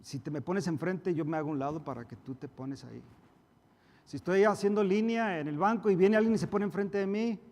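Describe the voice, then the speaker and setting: A male pastor delivers a sermon in a fairly high voice and at a slightly quick pace, acting out quarrels emphatically with a raised voice before dropping into quiet asides. A long reverb from the church hall trails his words.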